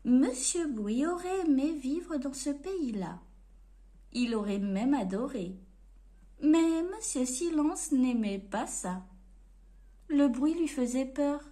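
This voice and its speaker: A woman reading a storybook aloud to children in an expressive, playful way. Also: sits high, takes it slowly.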